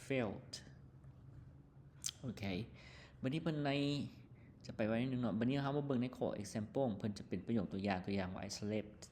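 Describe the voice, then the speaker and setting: A male teacher with a Lao accent explaining an English textbook lesson, reading English words slowly, then explaining them quickly with many fillers. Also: fairly low pitch, slight background noise.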